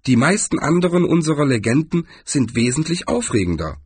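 A man's voice: fairly high pitch, big pitch swings, a little fast, a little mellow, husky, no room sound, pitched above the performer's own voice, full character voice. A man voicing a small, eager male troll in an audiobook reading.

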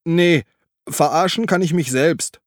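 A man voicing a drunk, clumsy detective who slurs, curses and shouts in an audiobook reading. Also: on the high side, slow pace, dry recording, studio quality, pitched above the performer's own voice. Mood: drunk grumbling. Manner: slurring, loud, cursing.

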